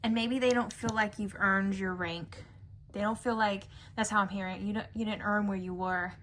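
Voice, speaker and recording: A woman's voice: mid-range voice, fairly even intonation, moderate pace, fairly bright tone. A woman giving a casual tarot reading to camera, musing and chatty with many fillers. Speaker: tarot reader. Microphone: camera mic.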